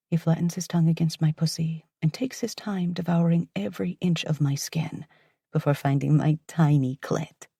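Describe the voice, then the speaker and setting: Husky woman, whispered audiobook narration. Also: deep voice, mellow, no room sound, clean studio sound. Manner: breathy, intimate, half-whispered delivery.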